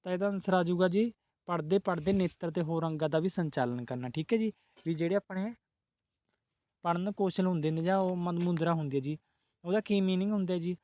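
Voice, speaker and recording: A man's voice: high-pitched, brisk, warm tone. A man teaching exam-prep questions, who asks each question and then answers it, adding a polite "ji" again and again.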